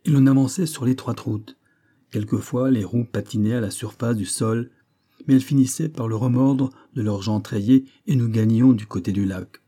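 A man narrating a classic adventure novel as an audiobook, in a steady, measured storytelling manner. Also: medium pitch.

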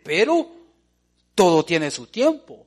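Pastor, animated preaching that drops from loud to hushed, calling everyone brother. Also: male voice, high voice, slow pace, breathy edge. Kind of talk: sermon.

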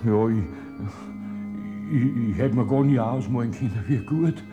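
A man's voice: mid-range voice, unhurried, dull audio, over music, close to an everyday voice. An actor playing a humble old peasant man, hesitant and full of wonder, with a Bavarian accent. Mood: humble, doubtful. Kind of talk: theatrical dialect drama acting.

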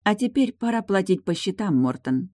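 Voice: mid-range voice, big pitch swings, moderate pace, a little mellow, no room sound, voice pushed up, natural voice. A reader voicing a bitter, mocking young woman who was badly injured, sarcastic and cutting in an audiobook dialogue. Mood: scornful.

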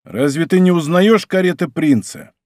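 A man voicing a bold young male musketeer who gives quick, commanding orders. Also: on the high side, sing-song, a little mellow, no echo, clean studio sound. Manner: brisk, commanding.

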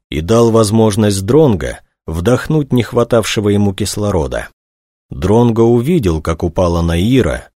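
Male narrator, deep voice, measured audiobook reading, dry recording. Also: warm tone, no room sound.

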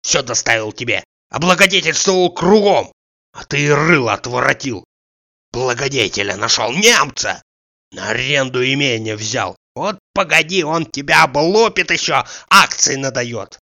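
A man voicing a crude, blustering middle-aged male sponger who shouts insults and abuse. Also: mid-range voice, animated, normal speed. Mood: scolding. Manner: bellowing, abusive, indignant.

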